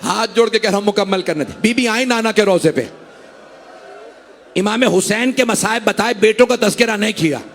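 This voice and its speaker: A cleric from Pakistan preaching a mourning sermon in a gathering hall, in a sorrowful, impassioned way. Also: male voice, high-pitched, normal speed, fairly bright tone. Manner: sorrowful, impassioned delivery that rises into cries. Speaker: Shia cleric preaching a majlis.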